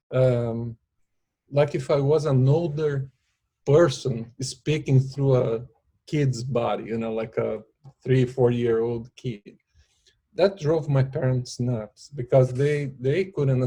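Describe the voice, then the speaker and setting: A man from Brazil with a Brazilian Portuguese accent, a podcast guest talking in slow, searching phrases, Portuguese his first language. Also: mid-range voice, mellow, husky. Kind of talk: podcast interview.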